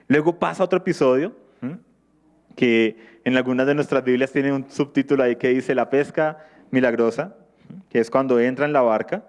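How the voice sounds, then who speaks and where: A male preacher teaching from the Bible in a sermon, reading scripture aloud and asking his listeners questions before answering them. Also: medium pitch.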